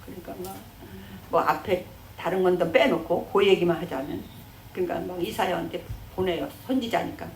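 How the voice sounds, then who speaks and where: A woman's voice: on the low side, a little fast, reverberant, far from the mic, a little hiss or hum, poor audio. A woman pastor giving a sermon in a conversational storytelling way, acting out what people in the story say.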